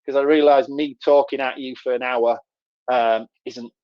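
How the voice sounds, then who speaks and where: Presenting an online workshop, a man with a Middlesbrough, Teesside accent explains things conversationally. His voice is medium-pitched and steady in tone at normal speed. The sound is dull, lo-fi online call audio.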